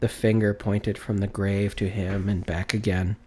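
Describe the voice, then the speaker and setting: A man narrating a classic story in a solemn, measured, theatrical style. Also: fairly low pitch, flat delivery, darkish tone, slightly rough. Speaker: audiobook narrator.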